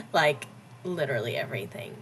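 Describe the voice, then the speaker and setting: Woman, 30s, podcast guest; blunt, jokey, quick to laugh, slightly low voice. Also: a little hiss or hum. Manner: blunt, joking, animated, laughs often between phrases. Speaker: podcast guest, business owner. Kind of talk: casual conversational interview.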